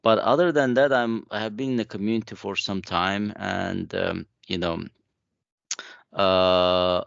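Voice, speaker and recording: A man with a very low, gravelly voice talks in a relaxed, easy way, full of small fillers. His tone is smooth and resonant, and the sound is dry and slightly muffled, as if over a call. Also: measured pace, no echo. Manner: relaxed, conversational, with frequent fillers. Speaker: co-presenter of a tech session. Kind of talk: casual conference chat.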